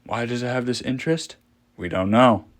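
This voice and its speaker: With a lightly acted, medium-pitched voice, a man portrays a scientist morbidly fascinated by a monster he explains in a horror audio log. The mood is fascinated and ominous, his lecture full of dramatic pauses and rhetorical questions.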